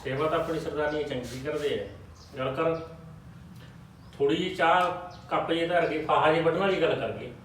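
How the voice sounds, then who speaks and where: A teasing, gluttonous village uncle grumbles about the size of his teacup, as a man plays him. His voice is somewhat high and his jokes are sly. The sound is roomy and distant. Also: moderate pace, pauses often, fairly bright tone, slight background noise, natural voice. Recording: echoey room, distant mic.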